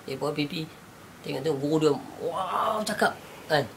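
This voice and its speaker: A man's voice: a little high, animated, normal speed, vocal fry, fairly bright tone, a little hiss or hum. A man with a Northern Malaysian Malay accent, telling a spiritual teaching story in a casual chat, acting out the people he quotes and laughing often.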